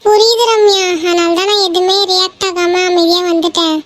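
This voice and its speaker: Brief: woman playing shrill aggrieved office gossip, very high voice. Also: moderate pace. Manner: complaining, animated storytelling. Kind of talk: Tamil cartoon voice acting.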